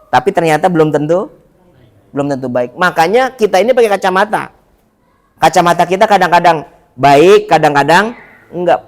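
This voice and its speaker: High-voiced man preaching in a mosque. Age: middle-aged. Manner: chatty, joking, addresses the mothers directly. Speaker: ustadz, religious teacher. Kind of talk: mosque study-circle sermon.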